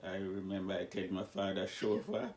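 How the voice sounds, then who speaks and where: A man in his nineties with a Jamaican accent, slowly and haltingly telling his life story, searching for words. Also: deep voice, flat delivery, darkish tone. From born in Cuba, raised in Jamaica. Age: 90s. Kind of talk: casual interview.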